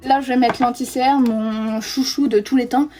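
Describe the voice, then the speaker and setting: Young woman beauty vlogger, kinda high but mellow voice, chatty makeup tutorial, faint music behind. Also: steady tone, moderate pace. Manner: chatty, says "hop" while applying makeup. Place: indoors doing makeup on a friend.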